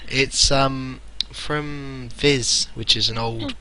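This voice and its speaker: A man's voice: medium pitch, fairly even intonation, drawn-out words, sharp tone, slight background noise, poor audio. A man co-hosting a game stream, muttering playfully to himself as he plays. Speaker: co-host playing the game on stream. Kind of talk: casual gameplay chatter.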